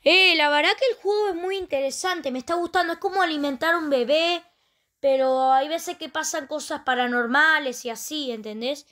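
High-voiced Rioplatense woman gaming host. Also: moderate pace, fairly bright tone. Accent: Rioplatense Spanish. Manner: chatty, exclaiming often while playing. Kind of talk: let's play commentary.

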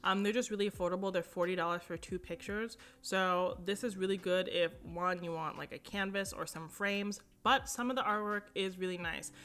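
A young woman talks through a home decor shopping trip in a relaxed, chatty way. Her tone is bright and forward, and it comes across clearly as she chats. She peppers her talk with fillers and quick asides. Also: lowish voice. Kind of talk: casual shop-with-me voice-over.

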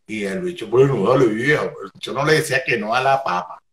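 A Venezuelan man telling a comic anecdote in an animated way, acting out shrieks and laughing often. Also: on the low side, fast. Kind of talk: animated storytelling. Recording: echoey room, faint noise.

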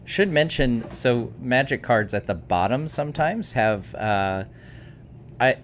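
A man's voice: mid-range voice, animated, takes it slowly, a little hiss or hum. A man hosting a casual card game chat, thinking aloud as he shares book lore he loves. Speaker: channel host.

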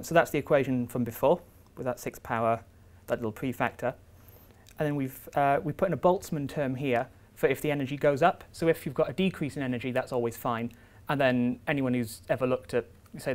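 Young man explaining slides, full of ums. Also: mid-range voice. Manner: explanatory, walks through slides with frequent ums and uhs. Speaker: visiting researcher giving a seminar. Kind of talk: academic seminar talk. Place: lecture room, indoors.

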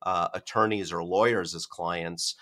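A man's voice: sits low, fairly even intonation, measured pace, pushed and bright. A man co-hosting a podcast in casual chat, explaining his points in a reflective way. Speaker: podcast co-host.

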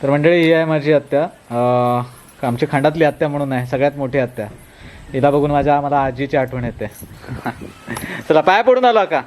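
Konkan man in his thirties, high voice, casual talkative vlogger. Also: moderate pace, slight background noise. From Konkan, Maharashtra. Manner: chatty, talks to his small daughter in a lively sing-song. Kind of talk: casual walking vlog.

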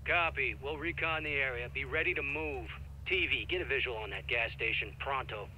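An actor playing a brash, commanding military contractor in a video game, giving orders over the radio. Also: male voice, mid-range voice, normal speed, sharp tone, slight background noise, rough recording. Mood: impatient.

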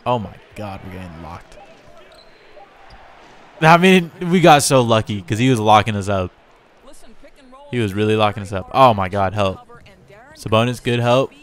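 Lower-voiced man commentating his gameplay. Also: moderate pace, long pauses. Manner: chatty, coaches his in-game players directly; reacts with bursts of excitement. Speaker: gamer and channel host.

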